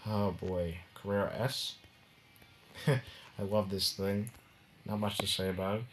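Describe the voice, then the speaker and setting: A man's voice: on the low side, steady tone, slow, soft background music. A man casually running through the cars of a video game, rambling and often breaking into giggles.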